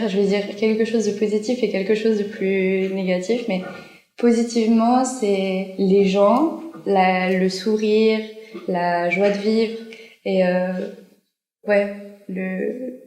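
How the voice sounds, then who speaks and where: A woman in her twenties, a social work student, giving a hesitant testimonial with many pauses. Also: mid-range voice, level tone, mellow, echoey room. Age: 20s. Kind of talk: testimonial to camera. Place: in Benin.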